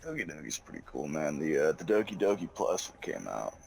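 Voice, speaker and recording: A laid-back man chatting on a game stream, halting, with many fillers. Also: rumbling low, sing-song, gravelly, a little mellow, slightly rough. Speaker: friend on the stream. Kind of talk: casual chat.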